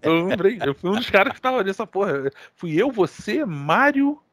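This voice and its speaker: A man with a Brazilian accent hosting a gaming podcast, telling stories in casual, animated chat full of slang and swearing. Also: high voice, normal speed, no echo. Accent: Brazilian Portuguese. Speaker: podcast co-host.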